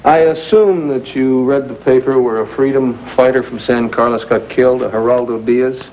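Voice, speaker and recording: An actor playing a short-tempered grown son in a 1980s daytime soap, talking in a curt, irritable way, heard from an old VHS tape transfer. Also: male voice, mid-range voice, fairly even intonation, moderate pace. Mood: tense. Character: tense, short-tempered grown son chasing a lost fortune. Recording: dull lo-fi VHS with faint hiss.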